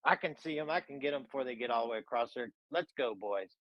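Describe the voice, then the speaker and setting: A man voicing a boastful pharaoh eagerly chasing after his escaped slaves, talking in a rushed, gloating way. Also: medium pitch, animated, dry recording, lo-fi sound, pitched below the performer's own voice, natural voice.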